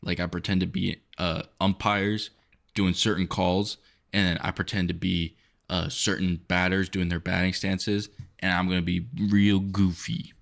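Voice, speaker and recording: A man's voice: deep voice, flat delivery, a little slow, gravelly. A man co-hosting a podcast in casual, joking banter with his friend. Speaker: podcast co-host. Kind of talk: casual chat.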